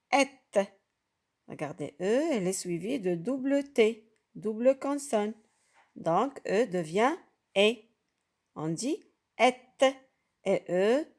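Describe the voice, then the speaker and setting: A woman teaches French sounds to beginners, very slowly and deliberately, with a gravelly edge to her voice. She repeats each sound patiently and often pauses to check that her listeners understand. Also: medium pitch, darkish tone. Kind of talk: slow, carefully articulated lesson for beginners.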